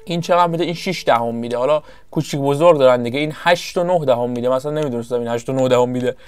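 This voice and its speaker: A man giving casual, rambling commentary over his own strategy game session, often pausing to search for the right word. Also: medium pitch, clean tone. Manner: chatty, rambling, searches for words. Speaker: gameplay commentator.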